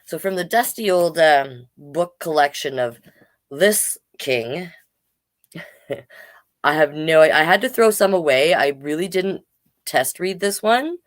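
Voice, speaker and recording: On a casual livestream, a middle-aged drag king host chats and reads children's stories, adding playful jokes at her own expense. Her voice sits low, and the recording carries no room sound.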